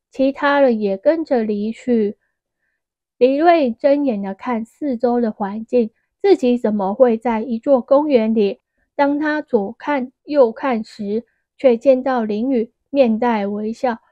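A woman narrating a fantasy novel as an audiobook in a steady, even storytelling manner. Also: fairly high pitch, no echo, highs cut off.

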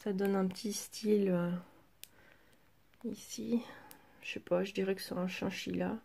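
A woman chatting casually through a craft shopping haul, pausing with fillers as she handles each item. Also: mid-range voice, little pitch movement, creaky, warm tone. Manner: chatty, hesitant fillers while handling items. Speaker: craft vlogger. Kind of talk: casual haul show-and-tell.

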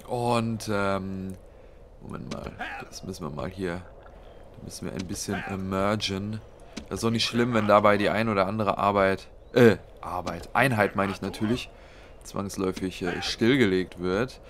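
A let's play host with a cold thinks aloud as he plays a strategy game, planning moves step by step and using lots of fillers in casual commentary. His voice is low-pitched and a bit bright, with a steady tone at normal speed. A little hiss or hum sits under the recording.

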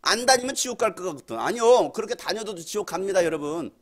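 A man's voice: sits high, animated, quick pace. A middle-aged male pastor from Jeolla with a Jeolla accent, preaching a blunt, scolding youth sermon in a church hall. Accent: Jeolla Korean. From Jeolla, Korea. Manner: blunt, scolding, swings between shouts and mutters.

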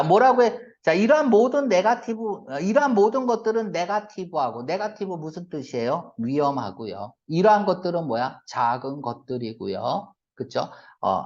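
A male English reading teacher with a fairly high voice gives a brisk exam-prep lecture, firing quick rhetorical check-questions at students. He shifts between polite and bluntly casual speech, and the lecture recording is lo-fi.

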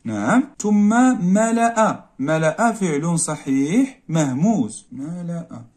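A man with a Moroccan accent, teaching a grammar lesson and working through exercises step by step, often repeating single words slowly to stress them. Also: on the high side, lively intonation, a little mellow. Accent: Moroccan Arabic. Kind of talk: classroom lesson walkthrough.

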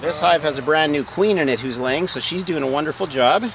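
A man's voice: a little high, brisk, crowd noise, poor audio. A man in his forties who runs a beekeeping vlog, explaining step by step while he works outdoors beside his hives. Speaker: beekeeping vlogger. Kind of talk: casual how-to vlog. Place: outdoors in a garden beside beehives.

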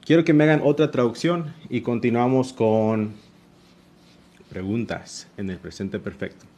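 A man's voice: mid-range voice, unhurried, dark tone. A male English teacher with a Mexican Spanish accent, patiently explaining grammar in a live online class and drawing out his examples.

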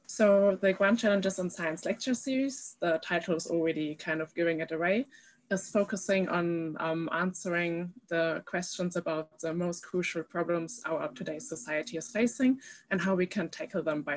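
A young woman hosting an online lecture series, giving a hesitant, informal introduction over a video call. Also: lowish voice. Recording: noisy video-call audio.

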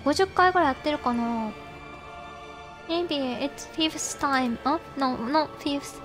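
A Japanese woman with a Japanese accent livestreams a game, chatting casually and politely and often thanking and greeting her viewers. Her voice is high-pitched and fairly bright, her pace moderate, with soft music in the background.

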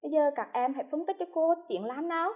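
A female primary school teacher giving a televised lesson to first graders, speaking slowly and spelling things out with careful, clear articulation. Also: high voice, lively intonation, muffled recording. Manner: slow, clearly articulated classroom delivery.

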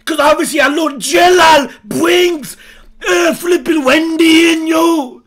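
A man streaming his reaction to an anime, excitable and slangy, often shouting. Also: extremely high pitch, slow pace.

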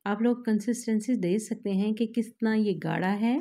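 A woman host, calmly explaining a recipe step by step to her viewers in a voice-over. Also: mid-range voice, moderate pace. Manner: calm, instructive, addresses viewers directly. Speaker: cooking channel host.

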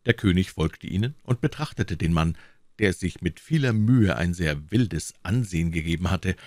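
A man narrating a classic tale in a measured, expressive reading. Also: deep voice, no room sound, studio quality. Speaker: audiobook reader. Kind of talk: storybook narration.

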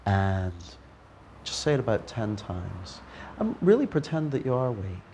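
A man's voice: on the low side, a little slow, a little hiss or hum. A man leading a live workshop demonstration, coaxing a volunteer in a playful way. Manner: playful, coaxing, animated with a group. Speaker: NLP trainer. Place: training room before a live audience.

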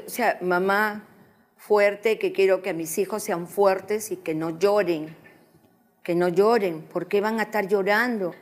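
Middle-aged woman giving halting testimony. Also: medium pitch. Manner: halting, restarts, emotional recollection. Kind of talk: personal testimony in interview.

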